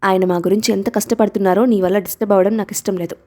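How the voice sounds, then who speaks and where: A woman's voice: mid-range voice, fairly even intonation, racing, darkish tone, close to an everyday voice. A woman reading a storybook who voices a stern, proud little boy protecting his father, speaking in a bossy, indignant way.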